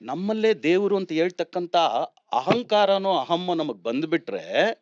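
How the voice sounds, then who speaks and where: Man, animated numerology talk, lively pitch, dry dull sound. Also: moderate pace, dry recording. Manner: animated, laughs often, mixes English words. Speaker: numerologist guest. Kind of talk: conversational explanation.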